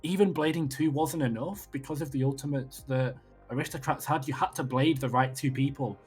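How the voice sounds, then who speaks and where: A man with a slightly husky voice calls a live esports match with loud, breathless excitement and the odd curse. Faint music sits quietly underneath his commentary. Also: medium pitch, brisk. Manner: excitable, swears, breathless after a close game. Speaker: esports caster.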